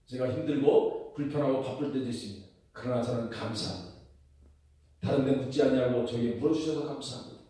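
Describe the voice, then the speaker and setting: A male pastor preaching a sermon in a church, asking the congregation questions and building to loud emphatic declarations. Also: mid-range voice. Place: church sanctuary. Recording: very echoey church hall, mic far off.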